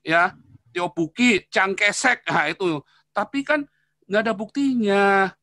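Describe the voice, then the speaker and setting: High, bright-voiced combative man debating. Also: slow, no room sound, clean studio sound. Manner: combative, mocking, talks over the other man. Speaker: debater on a live stream. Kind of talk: heated debate.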